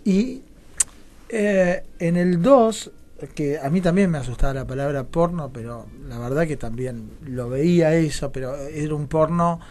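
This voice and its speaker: Speaking at a measured pace in a slightly high, slightly mellow voice, this theatre director with a Rioplatense Argentine accent appears as a radio guest. His answers are reflective and wander into digressions, frequently punctuated by tag questions.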